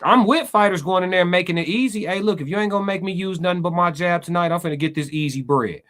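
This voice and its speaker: A high-voiced American man commentates on boxing for a live stream. He is emphatic and excitable, repeating phrases for punch and swearing freely. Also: fast talker. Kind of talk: excited blow-by-blow fight commentary and casual chat.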